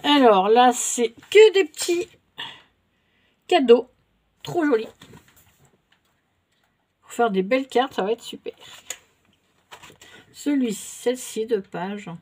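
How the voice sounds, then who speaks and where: A French-speaking woman shows off a shopping haul to her viewers in a relaxed show-and-tell, her fairly high, darkish voice moving with lively intonation. She speaks slowly, pausing often, with lots of fillers and small hesitations.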